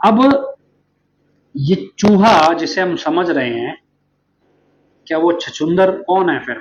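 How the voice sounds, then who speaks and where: A man with a slightly higher-pitched voice tells a long story in an earnest, explaining way, pausing on rhetorical questions. The recording sounds dull and lo-fi, with a faint hum of noise under it. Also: lively intonation. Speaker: channel host and former follower. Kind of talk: storytelling monologue.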